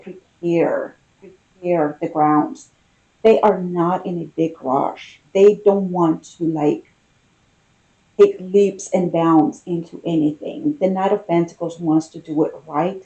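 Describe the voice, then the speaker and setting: A tarot reader talking in an intimate, conversational style, musing in short phrases with pauses between them. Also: medium pitch, warm tone, low-quality recording.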